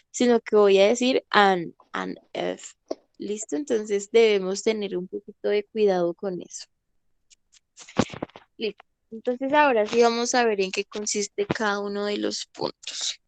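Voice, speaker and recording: Woman, English teacher, slow patient explaining, frequent check-ins, slightly high voice, dry sound, computer mic. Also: a little mellow, no echo. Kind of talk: online class explanation.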